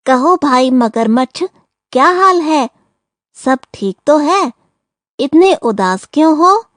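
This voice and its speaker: A woman voicing a crafty male tortoise in a school audio drama, speaking clearly in a high voice. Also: animated, slow, fairly bright tone, no room sound, studio quality, full character voice. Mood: friendly.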